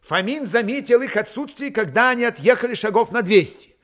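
A man's voice: very high voice, expressive, fairly quick, fairly bright tone. A man narrating a classic novel as an audiobook, reading expressively and dramatically. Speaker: audiobook reader.

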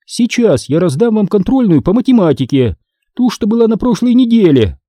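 A man's voice: high voice, very animated, moderate pace, mellow, no room sound, clean studio sound, voice pushed up. Man doing a stern grey-haired teacher lady. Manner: strict, snapping. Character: stern older woman schoolteacher, grey-haired.

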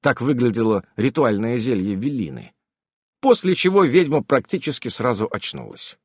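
A man narrating a fantasy audiobook in a lively, dramatic storytelling manner. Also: medium pitch, moderate pace, slightly rough, no room sound, studio quality. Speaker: audiobook reader.

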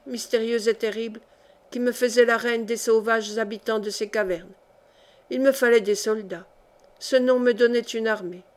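A woman's voice: fairly high pitch, close to an everyday voice. A woman reading the part of a devoted noble countess speaking tenderly and fervently to her daughter in an audiobook. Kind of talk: audiobook reading of a historical novel.

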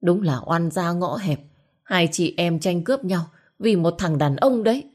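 A woman voicing a cold, resentful middle-aged son who scolds his sick father sharply. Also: fairly low pitch. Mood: furious. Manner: sharp, scolding, quick retorts.

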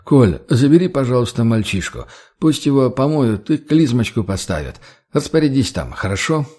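A man voicing a fat, obsequious slave trader who fawns and placates in a raised, drawn-out voice. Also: big pitch swings, warm tone. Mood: fawning. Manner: wheedling, placating, higher and slower.

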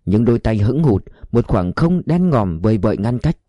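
A man narrating a novel audiobook in a measured, expressive storytelling manner. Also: on the low side, no room sound, muffled recording.

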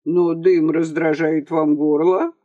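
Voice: mid-range voice, flat delivery, slow, mellow, muffled recording. A blustering swindler captain, as a reader puts him on. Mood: insistent. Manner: bellowing and indignant. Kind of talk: dramatized story reading.

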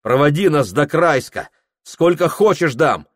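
A man's voice: a little high, expressive, a little slow, pitched above the performer's own voice. A desperate young man pleads and asks in an earnest, raised voice, as a male reader acts him out. He belongs to a read-aloud story. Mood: anxious. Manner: earnest, imploring.

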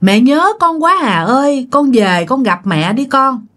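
A woman's voice: sits high, lively intonation, a little slow, fairly bright tone. A woman voicing a grieving middle-aged mother who cries out, begging her dead daughter to come back. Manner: crying, imploring calls.

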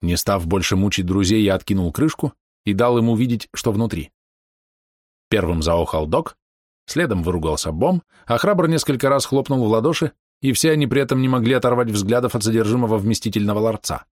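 A man reads a first-person audiobook in a low, measured voice. The recording is close and completely dry. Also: a little mellow, no room sound. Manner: measured, descriptive. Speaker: audiobook narrator.

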